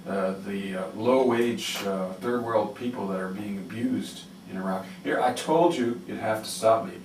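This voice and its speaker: A man's voice: on the low side, normal speed. A man hosting a public radio interview, talking in a hesitant, digressive, rambling way. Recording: roomy, noisy, distant-mic radio interview.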